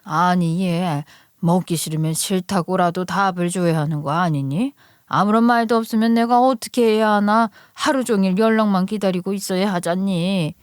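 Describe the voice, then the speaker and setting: A woman voicing an exasperated older mother-in-law who scolds in slow, drawn-out phrases. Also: medium pitch, smooth, dry recording, studio quality, close to an everyday voice. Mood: indignant.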